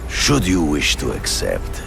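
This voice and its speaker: An actor playing a proud, menacing Russian hunter in a video game, speaking formally and theatrically in a Russian accent. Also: male voice, wildly swooping pitch, music in the background, exaggerated voice. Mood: proud, challenging. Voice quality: deep, gravelly. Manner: formal, deliberate, grandiose. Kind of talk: video game character acting.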